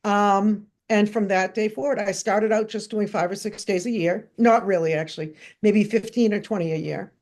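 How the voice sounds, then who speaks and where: Older woman, guest on an interview, from new hampshire, animated anecdotes, mid-pitched voice. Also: normal speed, few pauses. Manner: lively anecdotal storytelling, acting out quoted voices. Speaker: guest, education consultant. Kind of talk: storytelling in a podcast interview.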